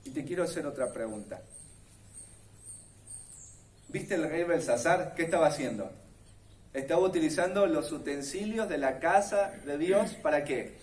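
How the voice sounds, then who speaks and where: A man's voice: on the high side, expressive, normal speed, pauses often, roomy sound, recorded from a distance. A man with a Rioplatense Spanish accent preaching a sermon as pastor, earnestly putting questions straight to his listeners. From Argentina.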